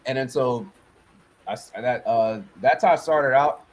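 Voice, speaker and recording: A man's voice: medium pitch, measured pace, low-quality recording. A man from New York who produces music, talking loosely in a casual interview with lots of fillers and restarts.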